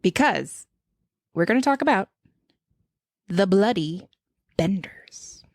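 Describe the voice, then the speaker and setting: A woman hosting a podcast in casual chat, an animated storyteller who laughs often. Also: mid-range voice, moderate pace, dry recording, clean studio sound. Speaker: podcast host.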